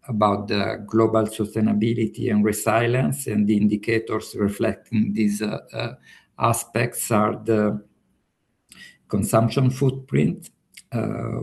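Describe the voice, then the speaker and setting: A man presenting slides over a video call, speaking haltingly with many filler sounds. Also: lowish voice, gravelly, darkish tone. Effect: remote voice on a video call. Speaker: workshop presenter.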